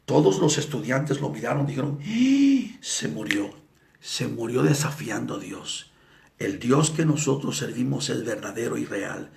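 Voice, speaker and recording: A male evangelist preaching a sermon, telling stories dramatically and acting out the people in them, sometimes with shouts. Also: medium pitch, gravelly. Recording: echoey room.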